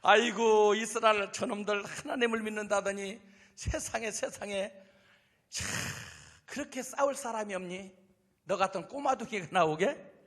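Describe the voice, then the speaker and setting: A man voicing a loud, mocking giant enemy warrior who bellows taunts. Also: high-pitched, normal speed, big-room sound, voice pushed up.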